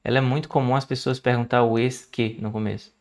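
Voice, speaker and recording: A man with a Brazilian Portuguese accent talks through his study notes in a relaxed, conversational vlog. His voice sits at a middle pitch, and he keeps tossing in little check-ins as he explains. He slows down deliberately whenever he sounds out a word. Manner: chatty, explanatory, frequent "né?" and "ó" asides, slows to sound out French words. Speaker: language learner sharing study notes.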